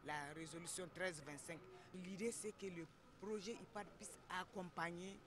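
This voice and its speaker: A man's voice: high voice, fairly even intonation, normal speed, a bit bright. A man with a Burkinabe French accent giving a news interview soundbite, explaining earnestly.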